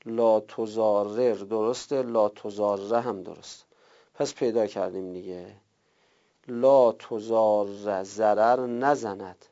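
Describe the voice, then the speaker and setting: A male teacher gives a classroom lecture with a gravelly, dark voice. He works through word forms patiently, stretching each one out slowly as students take notes. The recording is dull and muffled. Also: medium pitch. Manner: tells students to write things down. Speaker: teacher of Arabic grammar and Quran.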